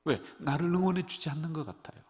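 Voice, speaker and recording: A middle-aged man preaching as a pastor, animated, leading his congregation in call-and-response. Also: fairly high pitch, quick pace. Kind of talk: sermon. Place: church sanctuary. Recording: long church-hall reverb.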